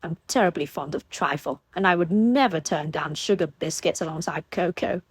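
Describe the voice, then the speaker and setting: A woman's voice: lowish voice, moderate pace, slightly rough, no echo. A woman voicing a frank, good-humored young lord, close to her own reading voice. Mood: jovial. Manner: frank, jovial.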